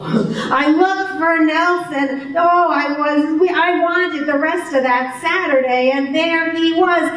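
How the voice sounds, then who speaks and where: An older woman telling a first-person story, unhurried and expressive. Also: extremely high pitch. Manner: unhurried, expressive delivery with amused laughter. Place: storytelling event hall. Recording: very echoey hall, voice far from the mic.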